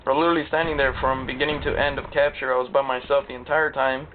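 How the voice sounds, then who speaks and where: A man's voice: medium pitch, flat delivery, quick pace. A young man just out of bed, rambling and swearing through a casual commentary over his game footage. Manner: rambling, profane, drowsy. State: just woken up. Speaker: gaming commentator. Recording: tinny lo-fi capture with noise.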